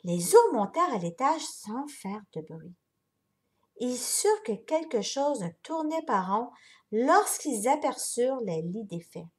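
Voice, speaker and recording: A woman reading a children's story aloud in an expressive, unhurried way. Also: a little high. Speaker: story reader.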